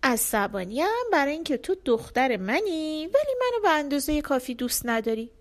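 A woman's voice: sits high, sing-song, voice pushed up. A woman voicing a stern, hot-tempered old king in a storybook, speaking in a scolding way. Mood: sulking.

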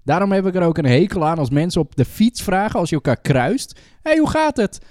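A man's voice: on the high side, lively intonation, a little fast, a little mellow, no room sound, studio quality. A young man co-hosting a casual chat, easygoing and agreeable, often backing up his partner. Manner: easygoing, agreeable, many short affirmations. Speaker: podcast co-host.

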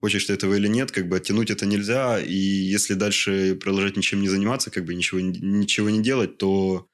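A young man in his twenties with a very low voice answers interview questions. He talks haltingly and searches for his words. He pads his thoughts with small fillers. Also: steady tone. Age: 20s. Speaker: interview guest. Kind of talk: casual interview conversation.

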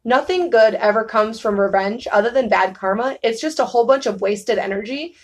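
A woman's voice: on the high side, brisk. A young woman chatting as a podcast guest, emphatic and bubbly, laughing often. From New York state. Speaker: guest, actress. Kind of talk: casual podcast chat.

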